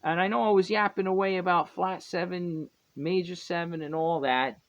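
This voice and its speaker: High-voiced rambling guitar teacher man. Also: steady tone, moderate pace. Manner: rambling, self-correcting, chuckles often. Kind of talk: casual music lesson. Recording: dull lo-fi with guitar playing.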